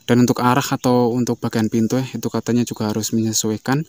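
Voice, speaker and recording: A man hosting a beekeeping vlog, explaining in a casual, rambling way and often filling pauses with "eh" and "ya". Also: medium pitch, no echo. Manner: fast, flat, repeats fillers like "ya" and "eh". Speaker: beekeeping channel host.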